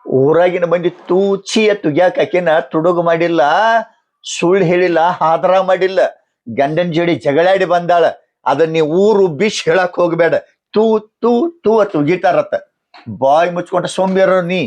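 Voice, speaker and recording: A man with a North Karnataka Kannada accent playing a stern elder brother and husband who rebukes his wife and gives gruff orders. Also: sits high, fairly even intonation, moderate pace, darkish tone, highs cut off, close to an everyday voice. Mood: commanding.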